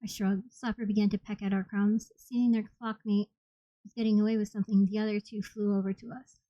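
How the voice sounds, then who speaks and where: A woman reading a novel aloud in the first person, steady and plain. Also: mid-range voice, brisk, no room sound. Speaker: audiobook reader. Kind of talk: first-person audiobook narration. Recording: slightly dull, dry recording.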